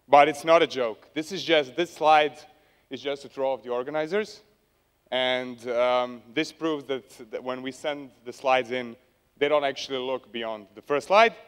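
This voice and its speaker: A young man speaks on a large conference hall stage with a handheld mic, giving a dryly humorous, hesitant presentation with plenty of fillers. His medium-pitched voice is fairly bright and clean, and the hall adds long reverb.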